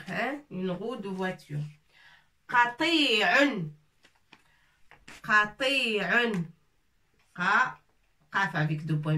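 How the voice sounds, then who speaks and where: Woman teacher going real slow, repeats every word, sounds a bit far from the mic. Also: medium pitch, pushed and bright. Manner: patient, repeats words syllable by syllable. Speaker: Arabic teacher. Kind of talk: slow spelled-out language lesson.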